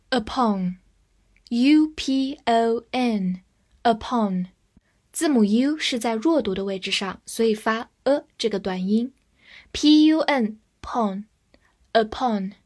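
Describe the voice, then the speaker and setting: A woman teaching English vocabulary in a scripted lesson, spelling each word out letter by letter. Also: fairly high pitch. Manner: slow, spells words letter by letter.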